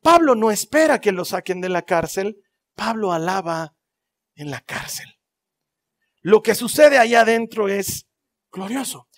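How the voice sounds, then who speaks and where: A man preaching a sermon in a church, telling the story in a lively, dramatic way with joking asides. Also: high-pitched, unhurried, pauses often.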